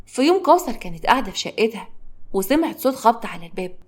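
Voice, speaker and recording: A woman's voice: on the high side, big pitch swings, very fast, very noisy. A woman with an Egyptian accent narrating a dramatic story. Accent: Egyptian Arabic.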